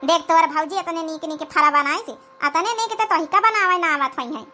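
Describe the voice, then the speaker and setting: Brisk and very high-voiced, a woman plays a scheming older village mother-in-law in a comedy cartoon. She flatters and wheedles in rustic chatter, speaking with an Awadhi accent.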